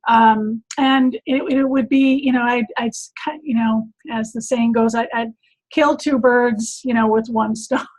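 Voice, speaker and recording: Fairly high-voiced rambling woman coach. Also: steady tone, unhurried, low-quality recording. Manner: rambling, lots of fillers and restarts. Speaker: coach on a group call. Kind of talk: casual chat.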